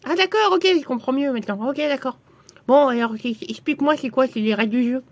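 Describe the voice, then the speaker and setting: A shrill, high-pitched little comedy character who curses nonstop, as a man puts him on. He bickers and squabbles in a crude, silly sketch voice. The recording is dry and close, with no room sound at all. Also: fairly quick, no echo. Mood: bantering. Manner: crude swearing, bickering back and forth. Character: squeaky foul-mouthed little guy playing with a voodoo doll.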